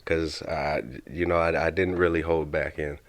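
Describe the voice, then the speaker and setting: A man's voice: extremely low pitch, little pitch movement, normal speed. A man co-hosting a podcast in casual chat, joking and often stammering into restarts. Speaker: podcast co-host.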